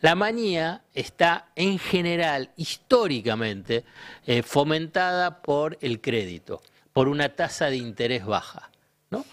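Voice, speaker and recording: A man's voice: on the high side, very animated, a little slow, fairly bright tone. A man with an Argentine accent, a guest economist on a talk show, explaining ideas didactically by asking questions and answering them himself. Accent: Argentine Spanish.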